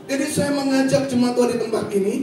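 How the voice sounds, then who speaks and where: A man's voice: extremely high pitch, fast, noisy background. A man with a Sundanese accent preaching a sermon, rousing the congregation and calling for amens. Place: church service. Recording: echoey church hall, distant mic, music.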